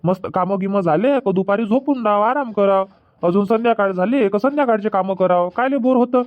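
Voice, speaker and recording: Sounding as if over a phone line, a man with a high-pitched, brisk voice gives a lightly acted performance. He dubs a carefree young husband in a Marathi comedy cartoon who coaxingly reassures his wife and keeps dodging with excuses.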